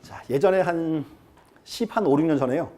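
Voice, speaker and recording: A mellow, high-leaning male voice at a normal speed leads a real estate law class. The lecturer is chatty, quizzing his students and dramatizing quotes.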